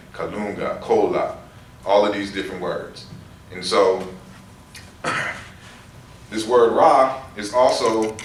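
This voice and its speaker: A man giving a lecture, explaining words and reading out long lists of them. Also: fairly low pitch. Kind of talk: lecture on word roots. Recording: roomy echo from far off, faint noise.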